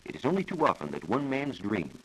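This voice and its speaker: On a vintage 1940s radio programme with poor audio, an American man reporting as a fast talker gives a formal, precise, scripted science explanation. His low voice is slightly rough and swings widely in pitch.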